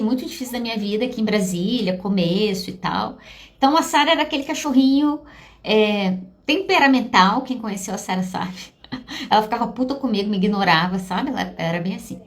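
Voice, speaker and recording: Brazilian woman psychologist telling a story. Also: on the high side. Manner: warm storytelling, voice catching with emotion at times. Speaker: psychologist host. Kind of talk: emotional personal talk to an audience.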